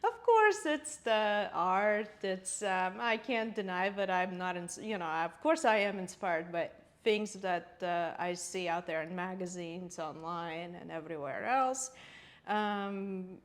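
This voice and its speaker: A woman's voice: fairly low pitch, slow. A woman from Latvia, a guest interior designer in a podcast interview, thoughtful and searching for words with frequent laughter.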